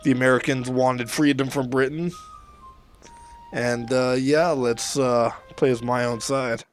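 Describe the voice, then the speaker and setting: Game gunfire and battle noise fill this noisy recording as a video host from Western Canada, speaking with a Canadian accent, gives loose, rambling commentary. He talks at a measured pace in a steady, mid-range voice, with faint music in the background.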